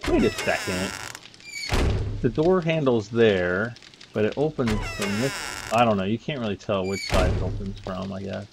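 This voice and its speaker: Gravelly man rambling over gameplay. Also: fairly low pitch, lively intonation, normal speed, background noise. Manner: rambling, chuckles often. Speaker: gaming YouTuber. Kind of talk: casual gameplay commentary.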